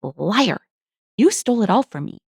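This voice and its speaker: A woman's voice: mid-range voice, very animated, moderate pace, gravelly, husky, no room sound, clean studio sound, exaggerated voice. A woman voicing an angry, entitled woman who shrilly accuses a stranger of theft in a storybook tale. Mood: accusing, shrill.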